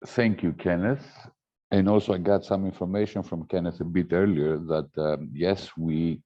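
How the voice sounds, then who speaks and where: Deep husky male moderator, relaxed, muffled lo-fi video call. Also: moderate pace. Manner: relaxed, with fillers. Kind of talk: online panel moderation.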